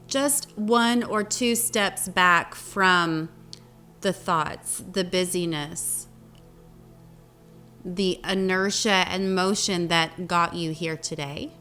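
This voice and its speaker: A woman teacher guides a meditation, speaking gently in short phrases separated by long pauses. Her voice is on the low side, and meditation music plays behind her.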